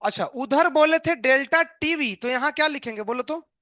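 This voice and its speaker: A man's voice: extremely high pitch, normal speed, bright, forceful tone, dry recording, clean studio sound. A male chemistry teacher, giving a live online lecture in a playful, joking way and asking students questions that he answers himself.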